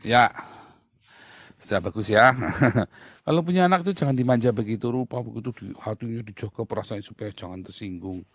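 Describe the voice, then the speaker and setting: A middle-aged man preaching a sermon as a pastor, blunt and animated, joking and laughing with his listeners. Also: fairly low pitch, a little fast, dry recording, poor audio.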